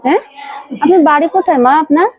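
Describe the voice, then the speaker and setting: A woman visiting and interviewing a hospital patient. She speaks gently and soothingly, often calling the patient mother. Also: high-pitched, fast. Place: hospital ward.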